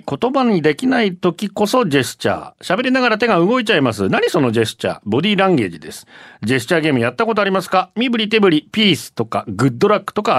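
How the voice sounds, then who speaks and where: A man's voice: sits high, fairly bright tone, no echo, studio quality. A man hosting a radio show, teasing his co-host in playful chat and reading listener letters.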